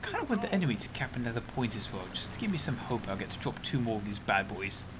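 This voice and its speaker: A man's voice: medium pitch, sing-song, fast, background noise. A young man streaming a game, rambling chattily through casual commentary and breaking off to react to the match. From United Kingdom.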